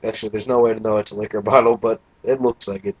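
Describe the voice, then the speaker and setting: A man's voice: on the low side, fairly even intonation, fast talker, a little mellow, no room sound, lo-fi sound. A young man casually commentating a video game, tired and yawning, with a crude, joking, rambling manner. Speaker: let's play gamer.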